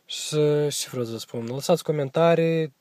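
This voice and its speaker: Here a young man with a Moldovan accent, his voice pitched on the high side and a little mellow, vlogs a casual tour of a parked car using his handheld phone camera. The audio is dry, and his talk is rambling, halting, and full of fillers.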